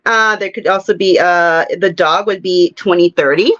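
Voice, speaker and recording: A woman's voice: on the low side, normal speed, fairly bright tone. Woman guest, easygoing talker, laughs often, muffled lo-fi recording. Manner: chatty, laughs often, explains with examples. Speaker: psychic guest. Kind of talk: casual interview chat.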